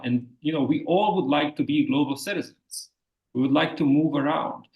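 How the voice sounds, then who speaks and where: A man from Bosnia, a guest researcher in an interview, speaking thoughtfully and haltingly, with frequent restarts. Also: a little high, gravelly, echoey room, low-quality recording. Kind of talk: interview talk.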